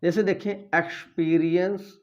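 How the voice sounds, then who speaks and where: A man's voice: high voice, fairly even intonation, highs cut off. Man spelling out English words in a lesson. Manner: explains slowly, dictating English words and spelling them out letter by letter; repeats points and asks the class questions. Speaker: teacher. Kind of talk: exam-prep grammar lesson.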